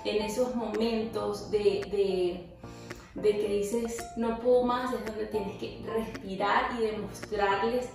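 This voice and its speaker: A woman's voice: mid-range voice, fairly even intonation, slow pace, vocal fry, a little mellow. A woman speaking in a reflective, casual way. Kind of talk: casual chat. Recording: echoey room, far from mic, with music.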